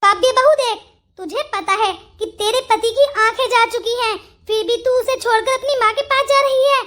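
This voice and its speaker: A woman's voice: very high voice, steady tone, normal speed, fairly bright tone. A woman voicing a suspicious middle-aged mother-in-law in a Hindi cartoon story, probing and reproachful.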